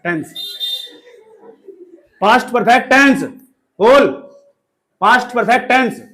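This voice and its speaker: Male grammar teacher, high-pitched, scolds and jokes with students in class. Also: slow pace, pushed and bright. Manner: scolding, teasing, quizzing students. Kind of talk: classroom lecture.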